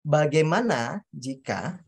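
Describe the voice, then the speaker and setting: A woman's voice: low voice, lively intonation, slow pace, gravelly, darkish tone, slightly rough. A woman presents a coaching workshop, speaking directly to the audience and acting out example questions, with some hesitant restarts. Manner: hesitant restarts while explaining. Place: talk venue before an audience.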